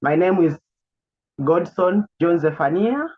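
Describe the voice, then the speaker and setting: A young man, a student panelist giving a halting online webinar talk, searching for his words. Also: a little high, lively intonation. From Tanzania. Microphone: video call. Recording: tinny online call audio.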